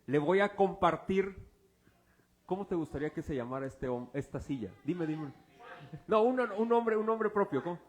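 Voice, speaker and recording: High-voiced pastor preaching. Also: male voice, animated, moderate pace. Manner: quizzes the congregation with fill-in-the-blank questions; informal and joking, uses object illustrations. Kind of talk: sermon.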